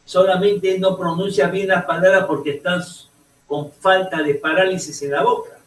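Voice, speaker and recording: A male teacher lecturing a class, halting and restarting often and checking in with "ok?" as he goes. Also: high-pitched, level tone. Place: echoey classroom. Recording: roomy classroom audio, mic far off.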